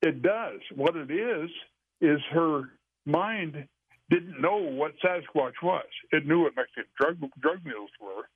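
A man telling a long story as an interview guest, rambling and halting with frequent restarts. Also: a little high, expressive, husky, no room sound. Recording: dry, tinny phone line.

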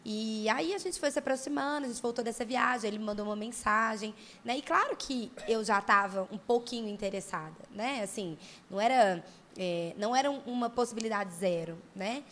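Bright-voiced woman pastor telling a story. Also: a little high, a little fast, a little hiss or hum. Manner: chatty, animated, frequent tag questions. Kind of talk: casual storytelling.

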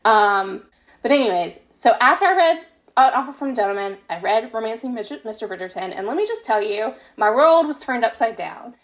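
On a relaxed podcast, a woman interviewed about her fan fiction speaks with gushing, emphatic excitement. Her voice is a little high and animated, and her pace is slightly quick.

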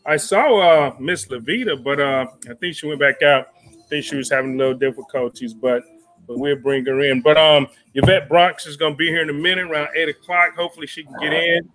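A man's voice: a little high, a little fast. A man hosting a live stream show in a casual, laid-back way, greeting viewers by name and using easy slang. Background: jazz music playing softly.

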